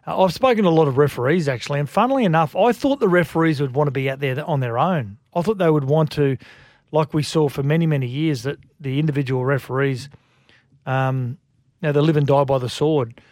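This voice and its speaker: An Australian man giving opinionated sports talk as a rugby league pundit, thinking aloud in a halting way. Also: fairly high pitch, darkish tone, no room sound, studio quality.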